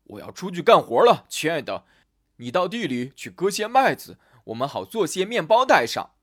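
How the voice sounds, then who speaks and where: A man's voice: on the high side, sing-song, moderate pace, fairly bright tone, breathy edge, exaggerated voice. A man voicing an earnest young suitor in a storybook. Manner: earnest, puzzled.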